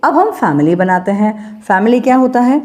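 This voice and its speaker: Lively, mellow-voiced woman teaching maths. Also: on the high side, normal speed. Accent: Indian English. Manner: patient, checks in with questions. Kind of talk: step-by-step lesson while writing.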